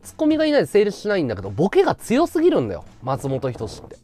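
Running a relaxed livestream, this host speaks in a high, mellow voice that swings hugely in pitch at a racing pace. He chats away and responds to the gifts viewers send, thanking them as they come in.

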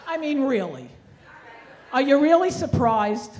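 A woman in her sixties performs stand-up in a somewhat high voice. She complains wryly and at her own expense, with a Yiddish-inflected turn to her delivery. It is a live stage recording on a handheld mic, with clear background noise. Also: big pitch swings, a little slow, a little mellow. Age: 60s. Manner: wry, self-deprecating complaining. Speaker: stand-up comedian. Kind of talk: stand-up comedy routine. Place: theatre stage, indoors. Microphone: handheld stage microphone.

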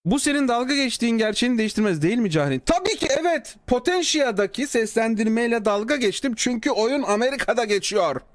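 A man live-streaming, reading out a developer's comment and answering it in a sarcastic, mocking way, his voice swinging from low mutters to high exclamations. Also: expressive, fast talker, hardly any pauses, no echo, studio quality. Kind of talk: casual live-stream talk.

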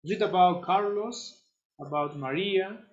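A man teaching English to children over a video call, slow and patient, repeating his instructions. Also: sits high, echoey room, highs cut off. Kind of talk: online class instruction.

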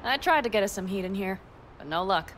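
A woman's voice: mid-range voice, expressive, fairly quick, a bit bright, a little hiss or hum, lightly acted. A woman voicing a tough young nomad fighter in video game dialogue, blunt, swearing and teasing, over game music. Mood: wry.

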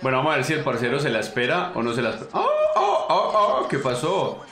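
A young Colombian man commenting casually on his own fighting game, slangy and excitable, taunting his opponent and yelping at big moments. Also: mid-range voice, very fast, roomy sound. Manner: excitable, slangy, talks to the opponent, bursts into yelps. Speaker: gaming channel host.

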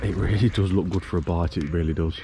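His voice is low-pitched, the intonation fairly even, the pace fast, and the background noisy. Standing on a fenland drain bank, the man chats casually about his fishing trip for a vlog, easygoing and repetitive, with frequent use of "it really does."

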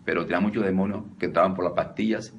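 A man's voice: low voice, fairly even intonation, racing, lo-fi sound, slight background noise. A man teaching on deliverance in an informal, conversational way, often repeating himself and calling his listeners brother. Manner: repetitive, addresses listeners as brother, frequent restarts. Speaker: deliverance preacher.

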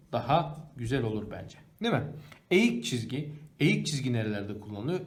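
A man with a fairly high voice teaching a primary school grammar lesson. He puts a question to the class and then answers it himself. He slows down to read each example sentence aloud. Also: a little mellow. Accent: Turkish.

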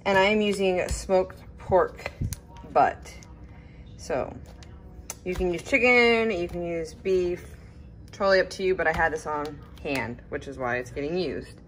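A young woman, chatting casually as she cooks in her home kitchen, with plenty of ums and a relaxed, unhurried way of talking. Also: lowish voice, faint music behind. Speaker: home cook vlogger. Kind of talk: casual cook-along narration.

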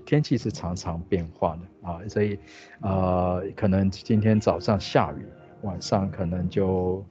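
A man with a Taiwanese Mandarin accent teaching an English grammar lesson, explaining patiently and repeating English words slowly. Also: deep voice, mellow, muffled recording.

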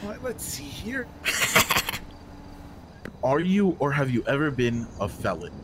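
A man's voice: mid-range voice, huge pitch swings, slow, very noisy. A man playing a stammering old headmaster. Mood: amused. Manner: stammering, fumbling restarts. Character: elderly male university headmaster, genial and doddering. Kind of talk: improvised comedic roleplay.

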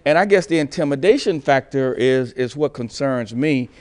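A middle-aged man, a bishop, talking on a TV panel show with a preacher's emphasis, circling back over his words as he builds up. He sits on a studio set, miked with a lapel mic, at a middling pitch. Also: lively intonation, moderate pace, a little mellow. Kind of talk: panel discussion on a TV talk show.

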